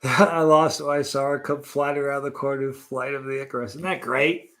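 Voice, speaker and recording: A man in his late fifties, the host of a live stream, chatting casually and reading viewer comments, animated and laughing often. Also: mid-range voice, brisk. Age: 50s.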